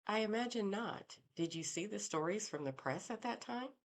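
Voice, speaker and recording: A woman's voice: mid-range voice, expressive, normal speed, pitched above the performer's own voice, close to an everyday voice. A woman playing a guarded female detective. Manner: careful and guarded. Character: cautious, measured female private investigator.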